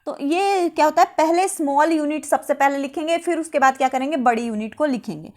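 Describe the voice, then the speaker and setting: High-voiced woman teaching, rhetorical questions. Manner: asks rhetorical questions then answers them; repeats key terms slowly. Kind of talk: exam-prep lecture.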